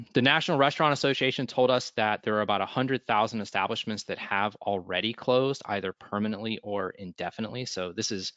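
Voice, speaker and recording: Lower-voiced man giving a casual webinar talk. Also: brisk, fairly bright tone, no room sound, lo-fi sound. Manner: casual, many ums and restarts. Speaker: webinar presenter. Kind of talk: presentation.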